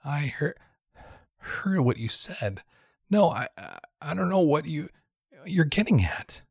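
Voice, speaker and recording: A man's voice: medium pitch, lively intonation, measured pace, gravelly, fairly bright tone, husky, no room sound, studio quality, full character voice. A man voicing a frightened young woman held captive, speaking in a shaky, stammering voice. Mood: terrified.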